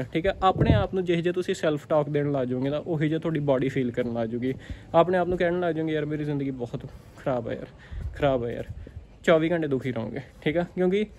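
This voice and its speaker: Fast-talking Punjabi farmer vlogger. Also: male voice, fairly high pitch, a little mellow, a little hiss or hum. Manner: repetitive, keeps asking "theek aa". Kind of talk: casual motivational talk to camera.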